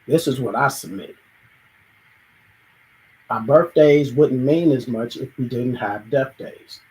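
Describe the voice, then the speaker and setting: His voice is mid-range and darkish, and he takes his time; the audio quality is poor. As host of a solo show, he reflects out loud, voices everyday dialogues and now and then restarts a line.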